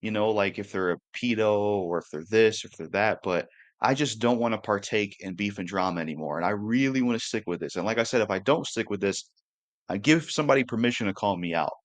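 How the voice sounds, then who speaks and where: An earnest young man in his twenties talks straight to his viewers in a casual, looping monologue, dropping the occasional curse. His voice sits on the low side and sounds close and dry, with little room around it. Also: a little fast, no echo. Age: 20s. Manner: earnest, repetitive, occasionally cursing. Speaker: YouTuber.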